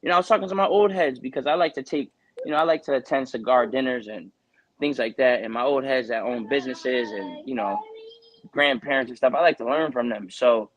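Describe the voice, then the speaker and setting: A man's voice: mid-range voice, a little fast, lo-fi sound. A man in his twenties, a boxer from Connecticut, talking earnestly in a casual interview, rambling with lots of "you know" fillers. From Connecticut, USA.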